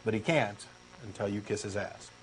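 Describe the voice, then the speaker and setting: This co-host's comic dramatic reading comes through a low-quality recording with a little hiss or hum. Speaking at normal speed in a lowish voice with a Texan accent, he plays a pushy, earnest true believer who is eager and insistent.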